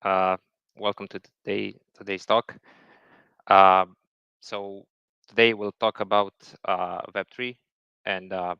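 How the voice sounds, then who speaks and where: Man, gravelly voice, hesitant, lots of fillers, dull dry recording. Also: lowish voice, flat delivery, takes it slowly, long pauses, no echo. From Serbia. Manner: many fillers and repeated words. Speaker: software engineer presenting a talk. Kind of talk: hesitant technical presentation. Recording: dull lo-fi sound.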